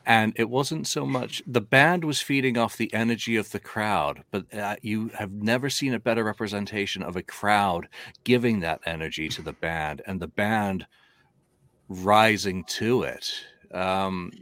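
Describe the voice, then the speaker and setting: A man talking in a casual podcast chat, with a very low voice and a dry, close sound. He is opinionated and rambles with enthusiasm. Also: a little slow, fairly bright tone, no echo. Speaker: podcast panelist.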